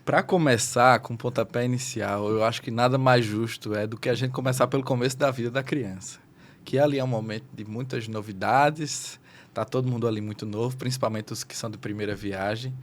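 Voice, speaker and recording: A man's voice: medium pitch, steady tone, brisk. A man with a Brazilian Portuguese accent, a pediatrician hosting a podcast, talking in a friendly, conversational way. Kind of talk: podcast interview.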